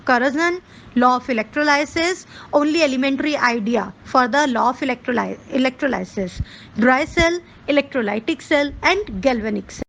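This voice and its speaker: A woman with an Indian English accent talks students through a chemistry syllabus, moving between Hindi and English. Her voice sits high and her pace is very slow and careful as she reads out one topic after another. A faint hiss runs under the recording. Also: gravelly, a bit bright, poor audio. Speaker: chemistry teacher. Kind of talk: syllabus walkthrough lesson.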